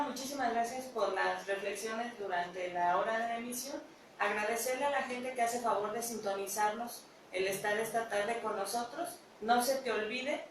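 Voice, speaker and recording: A woman hosting an educational radio talk, explaining in a measured way. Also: fairly high pitch. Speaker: radio host. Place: radio studio. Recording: echoey room, distant mic, noisy.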